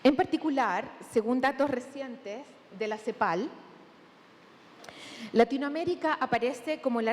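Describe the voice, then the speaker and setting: Chilean woman giving a talk in a big hall, calm and measured, pauses to think, reverby sound. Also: a little high. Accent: Chilean Spanish. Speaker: conference speaker. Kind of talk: academic conference talk. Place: large conference hall. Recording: long hall reverb, faint room noise.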